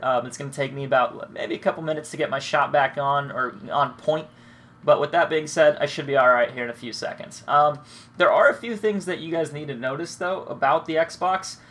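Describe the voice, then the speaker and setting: This gaming commentator, a young man fighting a cold with a stuffy nose, chats loosely about his own play and swears a lot. He has a mid-range voice with a fairly bright tone.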